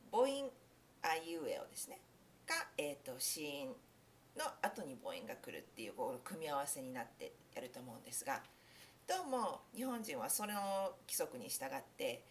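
A woman's voice: deep voice, a little hiss or hum. A young woman teaching English pronunciation in a casual spoken lesson, explaining in a friendly way with many fillers and self-corrections.

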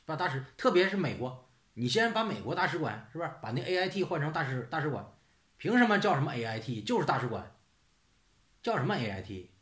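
Brief: blunt, sarcastic man, somewhat high, lively pitch, swearing casual rant, echoey room. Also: fast. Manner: rhetorical questions, "是不是" tag. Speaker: channel host. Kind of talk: casual ranting monologue. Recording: roomy echo.

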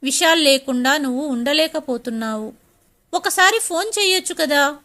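A woman's voice: high voice, normal speed, bright, forceful tone. A woman voicing a stern but caring older father in a storybook reading.

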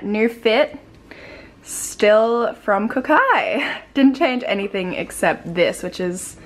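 A woman's voice: mid-range voice, a little hiss or hum. Chatty swearing young Australian woman. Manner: chatty, swears freely, giggly. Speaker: vlogger. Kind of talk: casual vlog chat.

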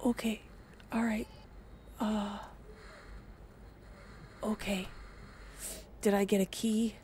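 A woman in her thirties giving casual horror game commentary to herself, muttering, exclaiming and swearing, with a creaky voice. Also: medium pitch, level tone, slow pace, mellow, slight background noise. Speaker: game streamer. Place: small indoor streaming room.

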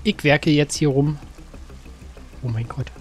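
A man giving casual gameplay commentary, chatting to game characters with sudden excited outbursts. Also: on the high side, slow. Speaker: gaming let's-player. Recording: faint game music behind.

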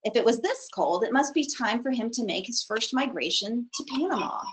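A woman reading a children's picture book aloud for a storytime, with a lively, expressive delivery. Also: on the high side, a little fast, low-quality recording. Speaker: storytime reader.

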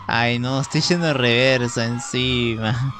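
A man's voice: medium pitch, fairly even intonation, measured pace, noisy background. A man hosting a live gaming stream, exclaiming, groaning and laughing as he plays. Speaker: gaming livestream host. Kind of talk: live Roblox gameplay commentary. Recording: loud game music behind voice.

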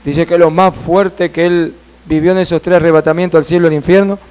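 A male missionary preacher delivers a sermon as a vivid story. His voice sits high for a man. He jumps in and out of the characters as he tells it. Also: a little fast. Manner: animated, reenacting dialogue.

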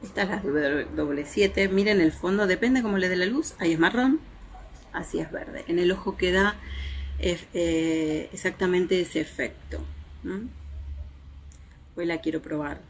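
Woman doing a makeup review out on her terrace, lowish gravelly voice, faint noise behind. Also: a little slow. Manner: chatty, hesitant fillers, shows swatches to viewers. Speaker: beauty vlogger. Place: home terrace, outdoors in daylight.

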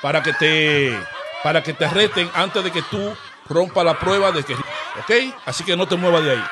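A man on the high side, speaking at normal speed, pranks someone by phone as a show host, pretending to be an official and pressing accusations over and over. The recorded call is noisy.

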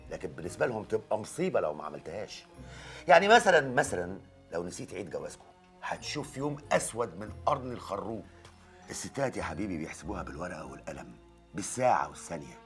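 An actor playing a boastful, grumpy older father and grandfather in a film comedy, talking loud and teasing. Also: low voice, very animated, racing. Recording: film soundtrack with music underneath.

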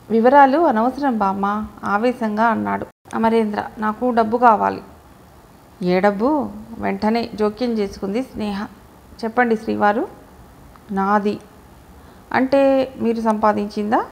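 A woman's voice: mid-range voice, creaky, slight background noise, rough recording. A woman reading a novel aloud as an audiobook, voicing every character herself with little change of voice. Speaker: audiobook narrator.

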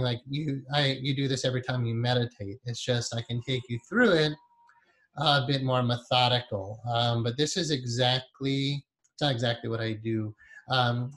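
A man in his fifties guiding a meditation class in an unhurried, conversational way, with pauses between phrases. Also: mid-range voice, a bit bright. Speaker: meditation teacher. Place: small indoor room. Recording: echoey, roomy sound.

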